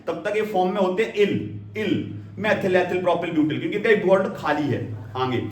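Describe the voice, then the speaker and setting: Male chemistry teacher, classroom lecture, keeps checking "clear?", high voice in a roomy hall. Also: fairly quick. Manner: repeats key terms and checks understanding with "clear?"; addresses students fondly as "beta". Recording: echoey room, voice from a distance.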